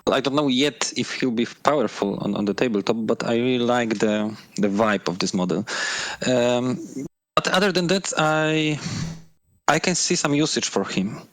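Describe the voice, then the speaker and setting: A man from Poland, a guest on a gaming chat, speaking English with many hesitant pauses and fillers. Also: mid-range voice, no echo, rough recording. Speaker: guest player. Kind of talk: casual gaming discussion.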